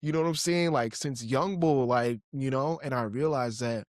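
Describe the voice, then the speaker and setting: A young man co-hosting a podcast, talking in loose slang and telling animated stories with frequent laughs. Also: mid-range voice, normal speed, no echo, studio quality. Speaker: podcast co-host. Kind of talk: casual chat.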